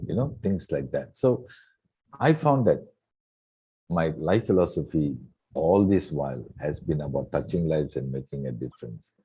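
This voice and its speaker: A man in his sixties from Singapore, a retired coach reflecting in an interview with many soft fillers. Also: rumbling low, expressive, moderate pace, slightly rough. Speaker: guest coach. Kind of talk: relaxed interview conversation.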